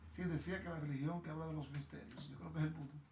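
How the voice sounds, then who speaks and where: A man's voice: a little high, steady tone, quick pace, vocal fry, darkish tone, reverberant, recorded from a distance, slight background noise. A man with a Dominican accent hosting a live online show in a casual, rambling monologue, often repeating himself and restarting sentences.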